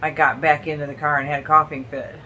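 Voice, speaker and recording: A woman's voice: low-pitched, level tone, bright, forceful tone, highs cut off, a little hiss or hum. A woman vlogging at home in a casual chat, short of breath from illness and rambling with fillers. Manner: rambling, halting with fillers and laughs.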